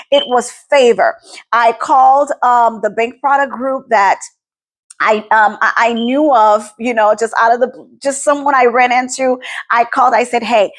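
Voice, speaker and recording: A woman in her forties sharing a personal faith testimony, emotional and close to tears, repeating words for emphasis. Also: sits high. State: teary, near crying. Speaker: podcast host. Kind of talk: personal testimony, casual talk.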